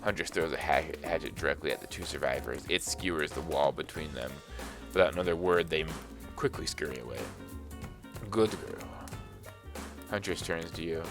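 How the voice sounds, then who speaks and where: A man's voice: extremely low pitch, fairly quick, over music. A young man reading a dating game aloud, joking and doing voices as he plays. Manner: jokey, reads dialogue in voices. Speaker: gaming YouTuber.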